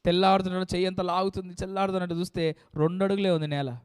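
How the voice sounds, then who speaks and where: A man's voice: high-pitched, flat delivery, rapid-fire, smooth. A male pastor preaching a sermon emphatically, often calling for amen and hallelujah.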